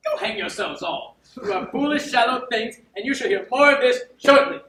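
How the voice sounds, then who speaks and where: An actor playing a pompous, self-important steward in a live stage play, haughty and indignant. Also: male voice, high voice, moderate pace, a bit bright. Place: theatre stage. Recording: echoey stage from far off.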